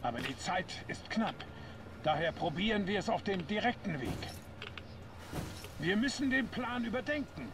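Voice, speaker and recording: An actor playing a stern older colonel in a video game, with a gravelly voice and commanding, clipped manner. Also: male voice, high-pitched, very animated, moderate pace, long pauses. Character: stern older military colonel leading his squad. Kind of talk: dramatic video game acting. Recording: roomy, with background noise.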